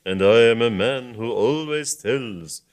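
A man voicing a pompous elderly bishop who is jovial one moment and thunders the next, with a booming, organ-like voice. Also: unhurried, natural voice. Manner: booming, organ-like and mock-solemn.

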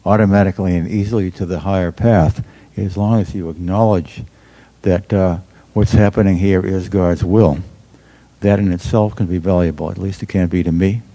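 Very deep, dark-voiced man. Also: fairly even intonation, moderate pace. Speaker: group member.

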